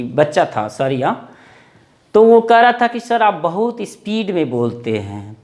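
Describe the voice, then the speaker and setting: A man in his forties teaching English grammar in Hindi as a lesson, repeating phrases and stretching out English words slowly. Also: high voice. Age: 40s.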